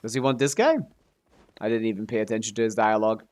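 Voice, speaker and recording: A man streams a video game, chatting casually and thinking aloud in a hesitant way that often trails off. His voice is fairly low, with fairly even intonation, a quick pace, and a slightly dark tone. It's relaxed livestream gaming commentary and chat.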